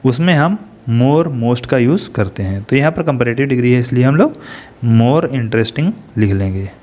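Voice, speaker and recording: A man's voice: medium pitch, expressive, brisk, darkish tone. Indian man teaching English grammar. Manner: explains step by step, asks students questions. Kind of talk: Hindi-English grammar lesson.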